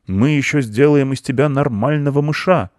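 A stout field-mouse uncle, voiced by a male storyteller, blusters in a slow, gruff manner. The recording is dry and close. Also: mid-range voice, darkish tone, no echo, pitched above the performer's own voice, natural voice.

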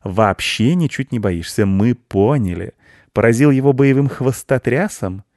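A man's voice: mid-range voice, animated, unhurried, darkish tone, dry recording, studio quality, voice pushed up. Ryzhopius, a man doing a sarcastic cat. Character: sly, mocking male cat. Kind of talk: audiobook character voice.

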